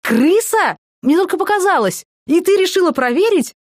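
Woman doing a shrill fussy young cellmate, very high, storybook reading, dry close sound. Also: very animated, fast talker, no room sound. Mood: panicky indignant. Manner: shrill, dramatic, indignant.

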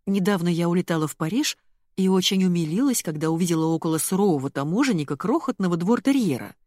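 A woman narrating a first-person audiobook with an expressive delivery. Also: on the low side, quick pace, no room sound, studio quality.

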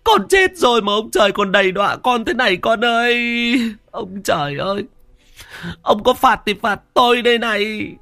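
A man voicing a grieving village mother who laments her son in a high sobbing voice. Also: expressive, normal speed, sharp tone, dry recording, exaggerated voice. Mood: grief-stricken.

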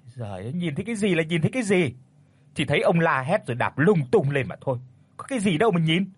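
A man's voice: a little high, big pitch swings, quick pace, breathy edge, no echo, pitched above the performer's own voice. A man voicing a grumpy elderly wife who scolds her husband, in a ghost story. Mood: grumbling. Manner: scolding, irritable.

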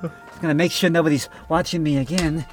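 A man's voice: on the high side, fairly even intonation, fairly quick, music in the background. A man co-hosting a comedy podcast, rambling through a mocking, mock-dramatic bit in casual chat. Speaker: podcast co-host.

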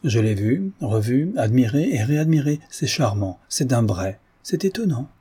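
A fawning, excitable notary gushing flattery in a raised, swooping voice, as a male narrator puts him on. The tone stays husky and dark underneath the lifted pitch. An audiobook character brimming with admiration. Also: moderate pace.

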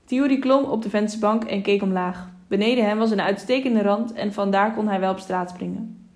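A woman reads a storybook aloud in a calm, even voice. Her pitch sits in the middle for a woman. She narrates steadily. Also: moderate pace. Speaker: audiobook narrator.

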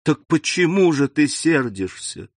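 A man's voice: on the high side, very animated, unhurried, no room sound, studio quality, pitched above the performer's own voice, heavily acted. A man reading an audiobook, voicing an anxious young woman who pleads with her grandfather. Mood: hushed.

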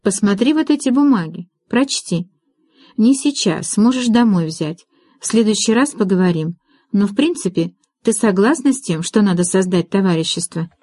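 Woman reading as a calm, businesslike young man. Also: medium pitch, normal speed, no room sound, lightly acted.

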